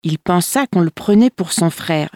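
A woman reading folk tales aloud in a measured, expressive storytelling manner. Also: fairly low pitch, no echo, studio quality.

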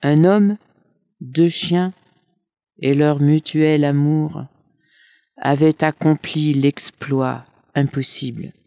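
A storyteller reading a fairy tale aloud in an expressive, unhurried way. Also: mid-range voice, no echo, clean studio sound.

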